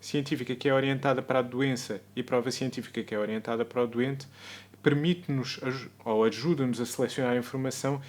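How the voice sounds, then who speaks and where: A man with a European Portuguese accent giving a recorded medical school video lecture, explaining at a measured pace and sometimes correcting himself mid-sentence. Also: medium pitch, fairly even intonation.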